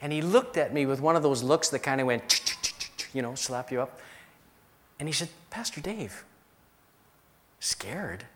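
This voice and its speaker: A middle-aged male pastor from the United States preaching a sermon at a middle pitch. He tells stories and builds to emphatic, repeated lines. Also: lively intonation, normal speed, long pauses, fairly bright tone. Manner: storytelling with emphatic repetition.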